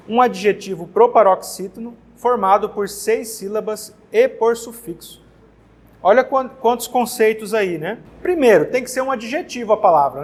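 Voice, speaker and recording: Man, Brazilian Portuguese accent, high voice, exam-prep grammar teacher, casual, repeats himself. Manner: casual, repeats words and checks in with "tá?". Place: classroom with whiteboard.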